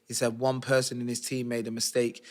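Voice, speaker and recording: A man, an interview guest telling his life story in a candid, animated, slangy way. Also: medium pitch, fairly quick. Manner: streetwise, animated, slangy retelling with acted-out quotes.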